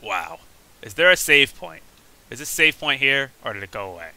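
A man giving excitable, chatty gameplay commentary, reacting aloud as he plays. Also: mid-range voice, moderate pace, vocal fry, poor audio. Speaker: let's play gamer.

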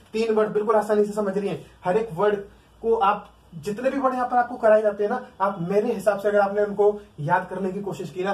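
Indian male tutor, high voice, repetitive drilling, set back from the mic. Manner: repetitive, drills words aloud, asks the class questions. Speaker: vocabulary teacher. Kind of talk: exam-prep vocabulary lesson. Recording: echoey room, mic at a distance.

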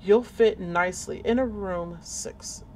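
A woman's voice: mid-range voice, takes it slowly, mellow, a little hiss or hum, close to an everyday voice. Lady doing a strict cold nurse from a horror game, bossy and scolding, talks down to you. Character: stern strict woman asylum nurse. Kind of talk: voicing game dialogue.

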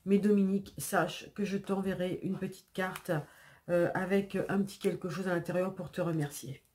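A woman's voice: lowish voice, fairly even intonation, normal speed, a little mellow. A woman hosting a scrapbooking channel, unboxing mail in a casual, chatty way with many hesitations and repeated words, sniffling a little. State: sniffling after sneezing.

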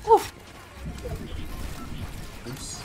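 A man giving live commentary on his own shooter gameplay, trash-talking opponents and breaking into loud taunts and yells. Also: very slow. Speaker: streamer playing a shooter game. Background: game music and sound effects.

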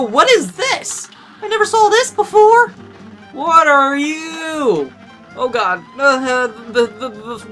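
Excitable, bright-voiced gamer. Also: mid-range voice. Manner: excitable, exclaims often while playing. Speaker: let's play gamer. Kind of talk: gameplay commentary.

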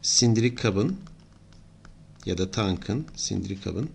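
A middle-aged man teaches an engineering problem in a low, gravelly voice. He explains step by step and pauses to think aloud while he writes his working out. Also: expressive, a little hiss or hum. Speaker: engineering lecturer. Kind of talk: whiteboard lesson.

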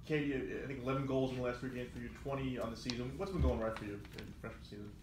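A man reporter asking quick questions at a press conference. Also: mid-range voice. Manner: quick, with uhs. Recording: echoey room, light noise.

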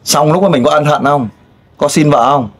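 Pushy teasing interviewer. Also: male voice, fairly high pitch, normal speed. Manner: pushy, teasing questioner with frequent exclamations. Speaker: street interviewer. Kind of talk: probing casual interview.

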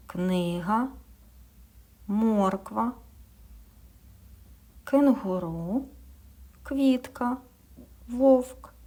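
Woman, kindergarten teacher; slow, patient, slightly husky, quizzes the children and answers herself. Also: medium pitch, darkish tone. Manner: slow, patient, asking and answering her own questions, drops into whispers. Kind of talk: speech lesson for young children.

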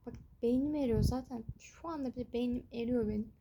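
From her bedroom, a young adult student complains in an exasperated vlog rant about exam revision. She speaks fairly quickly in a slightly high voice, with background noise audible.

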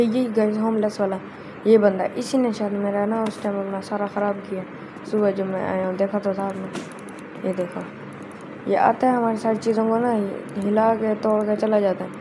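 Chatty woman narrating her gameplay. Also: mid-range voice. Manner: chatty, keeps addressing viewers as guys. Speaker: gameplay video host. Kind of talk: casual let's-play commentary. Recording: steady background noise.

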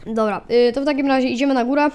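A woman's voice: high voice, fairly even intonation, rapid-fire, a little mellow, slight background noise. A woman casually commenting on her gameplay, chatting to viewers and yelping at attacking mobs. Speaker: gaming channel host. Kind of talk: casual let's play commentary.

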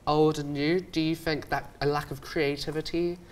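A man's voice: on the high side, little pitch movement, moderate pace, a crowd in the background. A young man presenting a talk show in a campy drag queen manner, reading scripted links and questions. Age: young adult. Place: small TV studio set, indoors.

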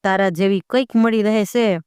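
A woman's voice: mid-range voice, fairly even intonation, normal speed, darkish tone, clean tone, dry recording, studio quality, lightly acted. A woman voicing a proud young Rajput wife who scolds her cowardly husband with fierce scorn, in a told folk tale. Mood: scornful.

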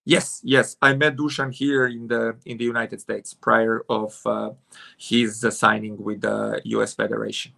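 A Serbian futsal head coach in his forties, appearing as a guest, talks on a video call from a room at home with curtains. His lowish, gravelly voice has a Serbian accent, a sharp tone, and a flat, measured delivery, and he speaks hesitantly with many fillers.

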